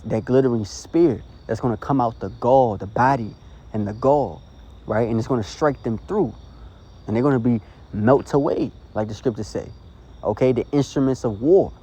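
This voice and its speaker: A street preacher with a warm, medium-pitched voice preaches informally into his phone, which is also recording him. He is earnest and rambling, tagging lines with "you know" and "okay?".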